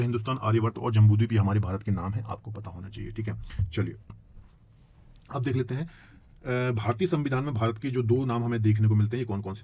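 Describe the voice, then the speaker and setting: In a classroom lecture, a man with a fairly low, mellow voice teaches geography to students. He poses questions and answers them himself, often tagging his lines with "है ना".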